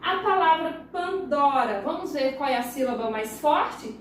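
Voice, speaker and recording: A primary school teacher with a Brazilian Portuguese accent records a lesson for young children, patiently stretching words out syllable by syllable. Her voice sits high, with lively intonation and an unhurried pace. The room is very echoey, she is far from the mic, and there's a little hiss or hum.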